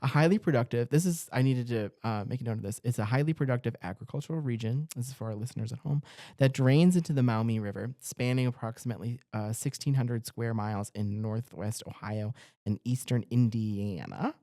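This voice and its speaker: A man's voice: mid-range voice, a little fast, dark tone, dry recording, clean studio sound. A young man reporting farm news in a casual, jokey rundown, stumbling over place names now and then.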